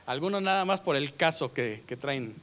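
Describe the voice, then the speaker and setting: Male pastor, Mexican Spanish accent, measured sermon pace, call-and-response questions, sudden loud emphasis. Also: on the high side. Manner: slow, emphatic delivery with sudden loud rises.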